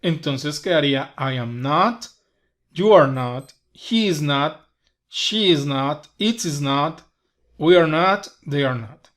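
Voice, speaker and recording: Speaking at a slow pace, this Spanish-native man teaches an English grammar lesson, going over every example patiently and in steps. His fairly high voice is expressive and a bit bright.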